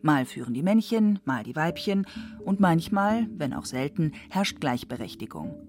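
A woman's voice: deep voice, big pitch swings, moderate pace, music in the background. A woman reading scripted narration in the manner of a documentary.

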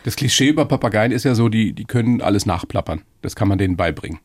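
A man hosting a podcast interview, playful and quick to laugh. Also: fairly low pitch, animated, darkish tone, husky, no echo. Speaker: podcast host.

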